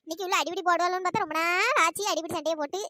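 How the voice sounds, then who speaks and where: Squeaky, fast-talking meddling village gossip, voiced by a woman. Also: sharp tone, no echo, clean studio sound. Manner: scolding, sly and gossipy. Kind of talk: cartoon voice acting.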